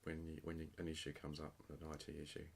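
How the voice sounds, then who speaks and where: A man hosts a relaxed local interview. His voice is very low and his questions come with plenty of uhs and repeated words. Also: fast talker, vocal fry, husky. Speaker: podcast host, interviewer. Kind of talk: casual interview.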